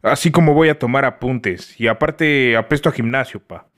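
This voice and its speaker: A moody eleven-year-old boy, acted by a man, with a Mexican accent and a voice already too deep for his age. He whines and sulks in a comedy sketch, his pitch sitting in the middle. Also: moderate pace, fairly bright tone, close to an everyday voice. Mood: sulky. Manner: whiny, sulky complaining.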